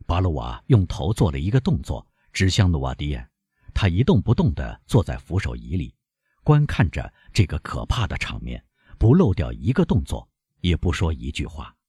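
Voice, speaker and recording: A male narrator reading a classic novel aloud with dramatic expression. His voice is low and strongly husky, swinging widely in pitch, and it comes through a dry, close recording. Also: huge pitch swings, moderate pace, warm tone, no room sound. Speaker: audiobook narrator.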